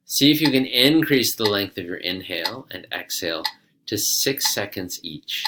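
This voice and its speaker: A man giving methodical yoga breathing instruction as a teacher, explaining and guiding in a measured way. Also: lowish voice, lively intonation, noisy background. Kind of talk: instructional explanation with guided counting.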